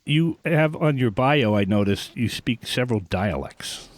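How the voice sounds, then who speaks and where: A man hosting a podcast, asking a guest short, lively questions. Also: mid-range voice, unhurried, no echo. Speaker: podcast host. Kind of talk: interview questions.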